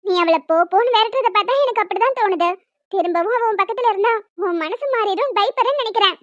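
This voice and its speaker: A woman voicing a bossy pregnant young cartoon woman, her voice pitched very high and almost childlike as she firmly talks others round. The sound is dull and lo-fi, dry and close. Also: fast talker, fairly bright tone, dry recording. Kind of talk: cartoon dialogue.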